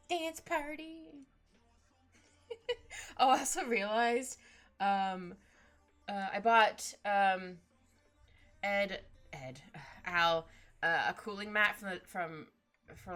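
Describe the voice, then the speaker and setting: A young woman chatting casually with her live chat while she draws, giggly and bubbly, often trailing off and restarting. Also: mid-range voice. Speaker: streamer drawing live. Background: soft background music.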